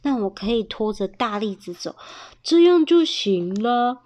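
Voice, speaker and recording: A greedy, whiny little bear boy from a storybook, as a woman reads him aloud. The voice sits high and keeps bursting into exclamations, quick to fret over lost things. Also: animated, darkish tone. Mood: delighted.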